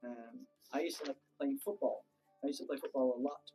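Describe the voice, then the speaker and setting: A British man in his thirties, a teacher being interviewed, answers pupils' questions in a cheerful, easygoing way with lots of ums. His voice is medium-pitched, steady and dark, a little fast. The recording is rough, with faint music behind.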